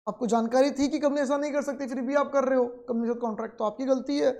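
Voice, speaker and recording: A man lectures a class in a high voice. He reads set textbook lines at a slow, careful pace. Then he explains them in his own words, going back over each point more than once. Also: steady tone, vocal fry, a little mellow. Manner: repeats and rephrases points for students. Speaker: teacher.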